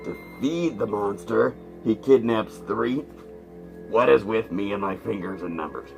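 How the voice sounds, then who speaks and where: Slow gravelly man, vintage horror host. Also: on the low side, a little mellow, muffled recording, faint music behind. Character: zombie horror host addressing his kiddies. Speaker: horror movie show host. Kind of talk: vintage horror host patter, casual and rambling.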